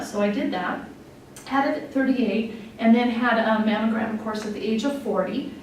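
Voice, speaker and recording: A woman in her forties from Wyoming, a nurse executive telling her own story in a candid, conversational way, with many fillers and open emotion. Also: on the high side. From Wyoming, USA. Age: 40s. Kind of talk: personal testimony talk. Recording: echoey room, distant mic, faint noise.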